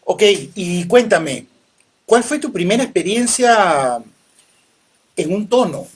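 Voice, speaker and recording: A man's voice: high voice, lively intonation, takes it slowly, husky. A middle-aged man with a Peruvian Spanish accent, a podcast host reminiscing casually and unhurriedly with his son, with many fillers. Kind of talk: casual chat.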